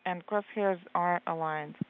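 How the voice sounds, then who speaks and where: A woman giving a live translation voice-over of radio exchanges, speaking in halting pieces with many hesitations. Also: on the low side, steady tone, slight background noise. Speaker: interpreter. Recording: very narrow phone-like line.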